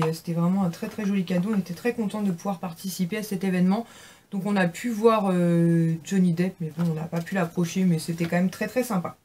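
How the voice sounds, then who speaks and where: A young woman in a casual haul video, chatting warmly about gifts, with many fillers and restarts. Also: medium pitch, a little hiss or hum. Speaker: beauty vlogger.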